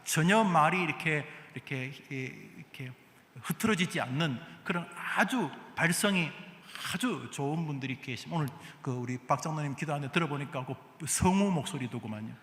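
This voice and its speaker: Korean pastor preaching in an echoey church. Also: male voice, on the high side, lively intonation, fairly quick. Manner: asks the congregation questions and answers them himself; swings from soft asides to loud exhortation. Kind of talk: sermon. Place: large church sanctuary. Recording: echoey hall with long reverb.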